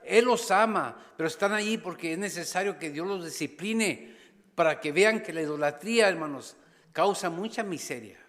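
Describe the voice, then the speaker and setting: A man preaching as a pastor, passionate, rising to loud appeals and dropping to hushed asides. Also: sits high, lively intonation, normal speed. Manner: impassioned, swings between loud exhortation and hushed asides; slips briefly into English phrases. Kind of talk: sermon. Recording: long church reverb.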